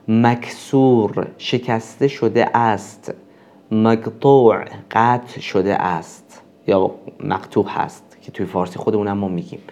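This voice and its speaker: A man teaching a recorded language lesson, explaining patiently and saying each example word slowly, often twice. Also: on the low side, a little mellow. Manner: repeats example phrases twice.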